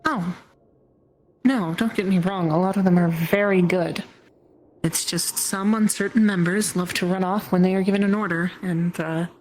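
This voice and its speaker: A woman playing a measured, dry guard on watch in a conversational improvised role-play. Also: lowish voice, a little mellow, close to an everyday voice, poor audio. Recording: faint music behind.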